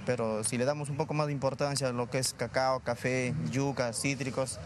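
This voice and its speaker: A man's voice: mid-range voice, steady tone, brisk. A young male farmer answering plainly and hesitantly in a live outdoor interview on a reporter's mic. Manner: plain, hesitant, many "este" fillers. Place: outdoor plaza stand, in the city. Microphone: reporter's handheld mic. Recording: street noise behind.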